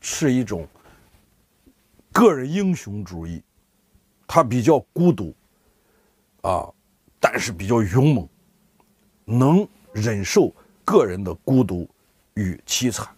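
Lively man. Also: lowish voice, takes it slowly, pauses often, slightly rough, dry recording. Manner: animated, often voices everyday speakers in examples. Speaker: vlogger explaining dialect words. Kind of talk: casual explanatory talk to camera.

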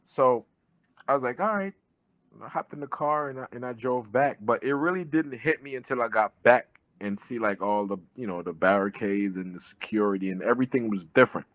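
A man's voice: medium pitch, fairly quick, a bit bright, no echo. A man talks in a loose, casual way, full of "you know" and swearing. His voice is dry and close, picked up by a webcam and earbuds in a living room during a video call. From born in Jamaica, raised in Brooklyn. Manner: loose, conversational, swears freely, many fillers. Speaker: guest, army veteran and pro boxer.

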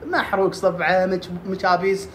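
A woman's voice: mid-range voice, normal speed, slight background noise. A woman giving casual health tips, asking and answering her own questions as she goes. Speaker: herbal health presenter.

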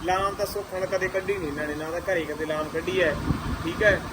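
A man's voice: high-pitched, fairly even intonation, fast talker, heavy background noise. Chatty Punjabi man with a Malwai accent. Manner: chatty, jokey, talks to boys and pets around him. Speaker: pigeon keeper vlogger. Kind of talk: casual vlog talk to camera.

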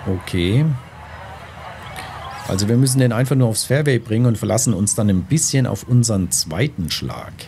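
A gaming host offers casual let's-play commentary, thinking aloud and deliberating with himself as he plays. His voice is on the low side and dark, with lively intonation at normal speed, over faint golf game ambience.

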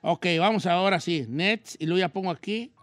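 A man's voice: sits high, fairly quick, a bit bright, no echo, faint music behind. A man with a Mexican accent hosting a comic radio show, wailing theatrically and joking with his co-hosts. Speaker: radio host.

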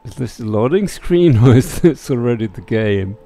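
Gravelly and dark, this middle-aged man's mid-range voice stays animated at a moderate pace as he narrates a casual let's play and reads the game's text out loud. The headset-mic recording from a small home room has no echo, just faint game music behind him.

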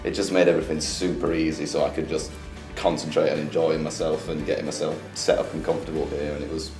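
Low-voiced man in his twenties. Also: fast. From England. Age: 20s. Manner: relaxed, upbeat, easygoing. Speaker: interviewee. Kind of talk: casual interview chat. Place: small office studio, indoors. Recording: echoey room with light music.

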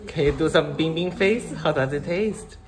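A man from China co-hosting a food tour, relaxed and quick to giggle. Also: a little high. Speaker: co-host. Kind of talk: casual food tour chat. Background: music.

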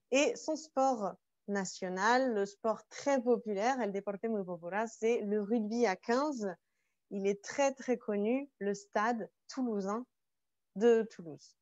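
A woman's voice: on the high side, a little mellow, no echo, lo-fi sound. A woman from France teaching a bilingual online class, explaining each French phrase again in Spanish.

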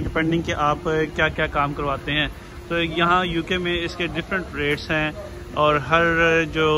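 Man vlogging at a noisy car wash. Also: a little high. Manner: explains step by step, with many fillers. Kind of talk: casual vlog commentary. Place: outdoor car wash forecourt. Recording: outdoor street noise behind voice. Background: cars and outdoor urban noise.

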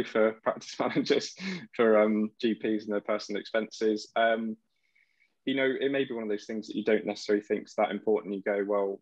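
A young accountant on a panel answers questions in a professional video call from a room at home. His voice is on the low side, and he hesitates with many fillers and restarts. The audio has no echo but sounds dull and lo-fi, typical of a video call.

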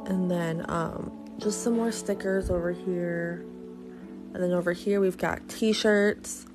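Speaking slowly and steadily at a fairly low pitch, a woman in her thirties with a stuffy nose narrates a tour of her small cat cafe shop as a small business vlogger. Her chatty, upbeat, easygoing narration is full of fillers, recorded over loud background music.

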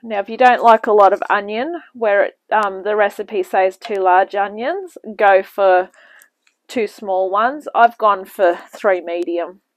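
A woman's voice: medium pitch, a little slow, no echo, rough recording. Chatty woman cooking in her kitchen. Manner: chatty, rambling asides while cooking. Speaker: cooking show host. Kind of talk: casual cooking demonstration. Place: home kitchen, indoors. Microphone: camera mic, off-screen speaker at the bench.

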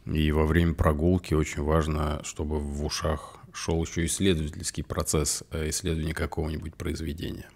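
A middle-aged man, a psychotherapist co-hosting a podcast, talking in a relaxed, reflective way about his own habits. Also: a bass voice, a little fast, gravelly, hardly any pauses, husky. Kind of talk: casual conversation.

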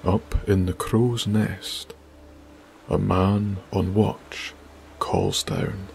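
Deep, gravelly, slow sleep-story narrator man. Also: sing-song, a little hiss or hum. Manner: soft, hushed, breathy.

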